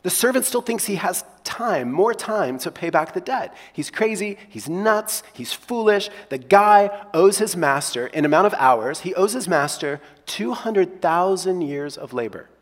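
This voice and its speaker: A man preaching a sermon, emphatic and repetitive, sometimes dropping to hushed tones. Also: high-pitched, expressive, unhurried, few pauses. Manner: emphatic, repeats key phrases, drops to hushed tones. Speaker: pastor. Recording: long hall reverb.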